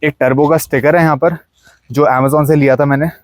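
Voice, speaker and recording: Fairly high in pitch, steady in tone and brisk, his voice is recorded with no echo. This young man with an Indian accent chats casually through a walkaround of his modified car, pointing details out and mixing Hindi and English.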